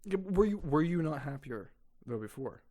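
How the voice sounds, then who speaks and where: A man's voice: a little high, sing-song, normal speed, mellow. A man co-hosting a podcast in casual chat, rambling and stammering while teasing his co-host.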